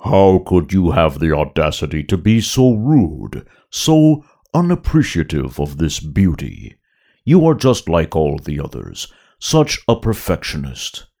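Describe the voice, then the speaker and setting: A man voicing a huge, pompous male slug gangster lord in a story reading, slow and self-satisfied. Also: low voice, big pitch swings, creaky, warm tone, heavily acted. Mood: menacing.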